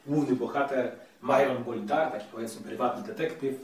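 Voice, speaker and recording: A man's voice: mid-range voice, steady tone, fairly quick, a little hiss or hum. Chatty man reviewing, very echoey room. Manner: chatty, playful. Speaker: audiobook reviewer, host. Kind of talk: casual video review. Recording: very echoey room, distant mic.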